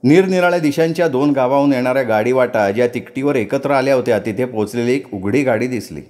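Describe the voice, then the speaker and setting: A man reading a novel aloud as an expressive storyteller. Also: mid-range voice, quick pace. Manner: expressive storytelling, acts out dialogue.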